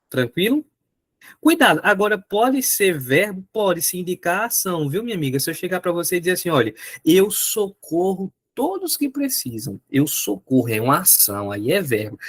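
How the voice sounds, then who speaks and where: Guy teaching a live class online, jokey and chatty, pretty high voice, dry sound. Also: no room sound. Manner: chatty, joking, talks to viewers in chat. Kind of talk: live online exam-prep lesson.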